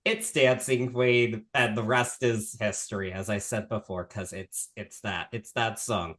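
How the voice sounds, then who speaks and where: A man's voice: lowish voice, steady tone, unhurried, a bit bright. Chatty, opinionated man co-hosting a podcast. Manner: chatty, self-deprecating, opinionated. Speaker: podcast co-host. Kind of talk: casual music discussion.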